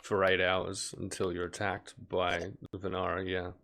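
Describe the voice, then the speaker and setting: A man narrating as game master of a tabletop game, relaxed and explanatory, swearing casually. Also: low-pitched, unhurried, vocal fry.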